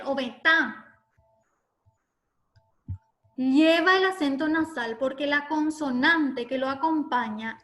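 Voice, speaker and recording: Woman teacher, patient step-by-step explainer, high voice, echoey room. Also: fairly bright tone. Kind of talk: online class explanation.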